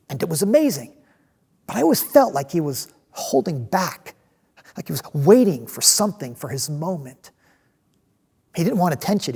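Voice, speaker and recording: An actor playing a passionate, restless disciple in a dramatic monologue, telling his story with halting, emphatic delivery and repeated words. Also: fairly high pitch, creaky, darkish tone, slightly rough, exaggerated voice. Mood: wondering. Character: passionate male zealot disciple, restless man of action, recalling Jesus.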